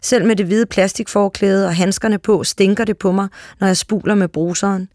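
A reader narrating a literary short story aloud in a calm, steady way. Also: mid-range voice, no room sound, studio quality.

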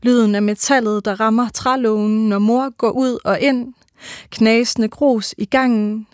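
A woman giving a measured, rhythmic reading of her own first-person literary prose. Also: a little high, steady tone, a little mellow, dry recording, studio quality.

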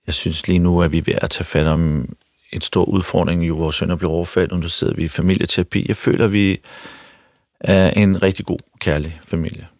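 A middle-aged man with a very low, gravelly voice shares a personal story on a talk show. He speaks frankly and openly, often circling back and restarting his sentences. The sound is dry and close on a studio mic. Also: level tone, darkish tone, dry recording. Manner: frank, self-revealing, with repeated restarts. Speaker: actor and radio show host.

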